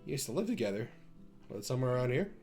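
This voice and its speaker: A man's voice: medium pitch, big pitch swings, racing, darkish tone, faint music behind, lightly acted. A man reading a reserved young male student.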